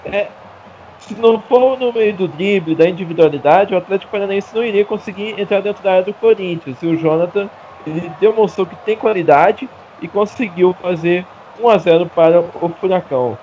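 A Brazilian man analyses a live football match in a conversational way. His voice is notably high, and the recording is dull with faint stadium noise. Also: a little fast, mellow. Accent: Brazilian Portuguese. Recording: dull band-limited sound, stadium noise.

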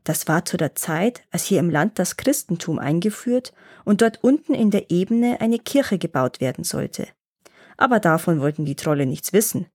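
A woman voicing a wise old grandfather gnome who tells old tales in a calm, measured way, reading a fairy tale aloud. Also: lowish voice. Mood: telling. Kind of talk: storybook reading.

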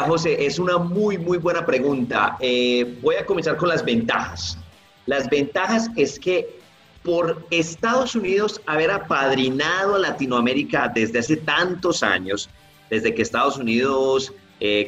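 A man who teaches English, answering interview questions in a lively way and acting out the people he quotes. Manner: animated, acts out quoted people with big pitch jumps. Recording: roomy, slightly dull, faint music behind.

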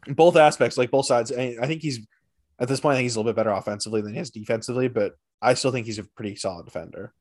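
A man co-hosting a casual hockey podcast, his voice sitting in an ordinary middle pitch. He jumps between excitement and teasing, speeding up when a thought grabs him. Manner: animated, teasing, quick bursts of excitement. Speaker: podcast co-host. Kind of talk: casual sports chat.

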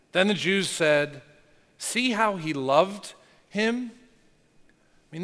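A man's voice: high-pitched, a bit bright, long reverb tail. A man preaching a sermon as pastor, talking earnestly and conversationally, with rhetorical questions to the congregation.

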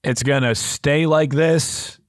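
A young man co-hosting a casual podcast over a video call, sick with a dry, raspy voice and telling teasing stories. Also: on the high side, steady tone, slow pace, no echo. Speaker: podcast co-host. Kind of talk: casual chat. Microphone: earbuds and Zoom mic.

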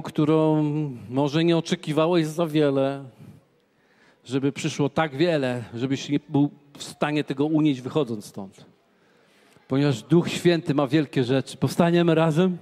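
A man preaching a charismatic church sermon, swinging from loud proclaiming shouts to quiet prayer. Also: a little high. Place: church service with a band.

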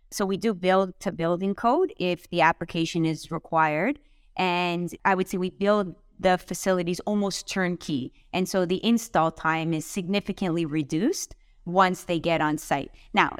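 A woman CEO answering interview questions in an earnest, measured way, often listing items. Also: lowish voice, smooth, dry recording, clean studio sound. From Canada. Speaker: company CEO, guest. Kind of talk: podcast interview.

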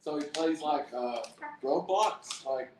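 Speaking slowly in a medium pitch, an adult host casually questions two children, feeding them short, leading prompts. The chat has the feel of a home-made show, and the audio carries a roomy echo with faint background hiss.

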